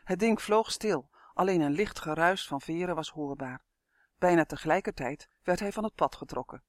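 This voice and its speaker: A man narrating a fantasy children's book with an expressive reading. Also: on the high side, normal speed, no room sound, studio quality. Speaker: audiobook narrator. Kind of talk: scripted storybook narration.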